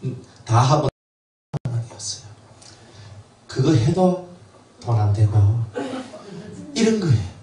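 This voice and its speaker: A man's voice: mid-range voice, big pitch swings, slow, pauses often, a little mellow. A middle-aged male pastor gives an emotional sermon, telling his own life story and acting out family quotes. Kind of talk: sermon with personal testimony. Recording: roomy, distant church mic with faint ambience.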